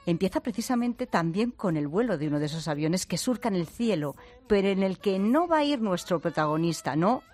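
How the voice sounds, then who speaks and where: A woman's voice: mid-range voice, darkish tone. A woman hosting a radio interview who talks in a chatty, musing way and addresses the listener directly. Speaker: radio host. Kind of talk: radio interview with a reflective spoken intro.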